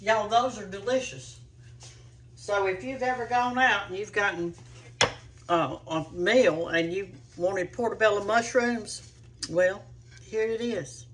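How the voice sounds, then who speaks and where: A woman's voice: medium pitch, takes it slowly, husky. A woman hosting a cooking show, chatting to viewers in a rambling, homespun way. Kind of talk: casual chat to viewers.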